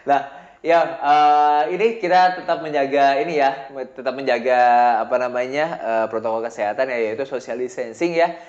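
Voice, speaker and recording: A young man in his twenties hosts a relaxed podcast conversation, rambling through fillers and laughing often. His voice sits at a middle pitch. It comes through a roomy space with a slightly dull, lo-fi tone. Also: moderate pace. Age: 20s. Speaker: host. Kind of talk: casual podcast chat.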